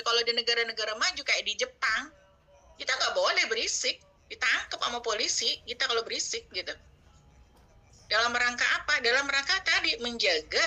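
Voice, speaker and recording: A middle-aged woman leads a religious study session in an easy, conversational way. She is from Indonesia. Her voice is sharp and ringing, a little high, and she drops in homely asides and soft laughs. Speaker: Quran study teacher. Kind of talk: casual religious study talk.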